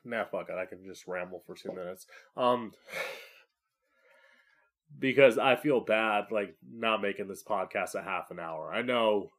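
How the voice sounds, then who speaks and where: A man's voice: fairly low pitch, a little slow. A man who hosts a podcast as a drag queen, rambling solo in a campy, profane, self-mocking way. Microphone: podcast microphone, live streamed.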